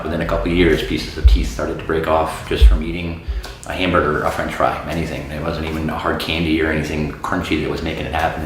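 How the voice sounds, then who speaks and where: A man in his thirties from Florida speaks in a low voice, casual and frank, with plenty of um's and uh's. He is a dental patient giving a testimonial to camera. The sound is very echoey, with a faint hiss of noise behind him. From Florida, USA. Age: 30s. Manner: relaxed, frank, many fillers and um's.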